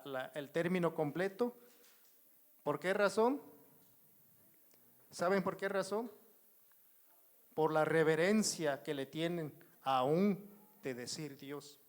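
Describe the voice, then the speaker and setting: A man with a Mexican Spanish accent teaching a Bible study in a church. He writes on a board as he explains, repeats himself, and keeps asking the congregation whether they follow. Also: a little high. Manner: addresses the congregation as brothers, asks if they follow. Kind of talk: slow, repetitive Bible teaching.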